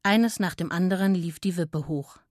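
A woman narrating a children's storybook in a gentle, clear and expressive way. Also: on the low side, moderate pace, dry recording, clean studio sound.

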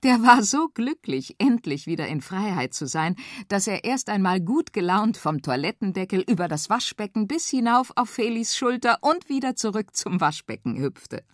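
A woman narrating a children's radio story with expressive, animated reading, recorded in a studio. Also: medium pitch, normal speed, hardly any pauses, no echo.

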